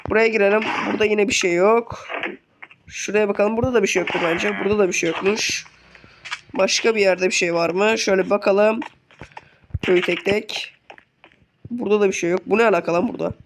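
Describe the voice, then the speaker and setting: Fast-talking sick young man gaming. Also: sits high, fairly even intonation, noisy background. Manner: chatty, swears casually, keeps addressing viewers. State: sick, voice worn. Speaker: gaming channel host. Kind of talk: casual let's play commentary.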